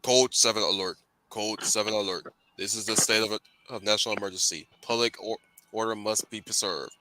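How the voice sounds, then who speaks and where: A cold, official emergency announcer with a flat, metallic robot voice, as a man puts it on in a casual chat. The tone is bright and edged, and it delivers stiff public orders line by line. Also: fairly low pitch, brisk, a little hiss or hum, poor audio. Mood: stern. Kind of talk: casual group chat while reading a comic.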